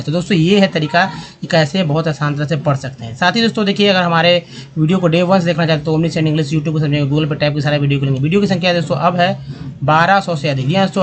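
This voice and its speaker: A man teaching English reading, slowly saying each word aloud and repeating it, speaking in a slightly higher voice. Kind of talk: language lesson explaining pronunciation.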